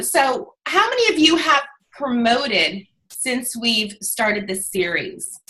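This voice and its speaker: A woman's voice: a little high, bright, forceful tone, low-quality recording. A woman hosting a video call, encouraging the audience and introducing a guest. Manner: encouraging, addresses the audience directly. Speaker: host of a team call. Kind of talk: upbeat motivational talk.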